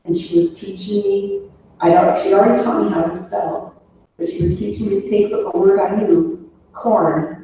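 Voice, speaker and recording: Warm and medium in pitch, a daughter's voice reminisces at a funeral. She's in her sixties, and her informal remembrance rambles through anecdotes and trailing asides. The recording, made at a distance in an echoey room, sounds roomy and muffled, with a faint layer of noise.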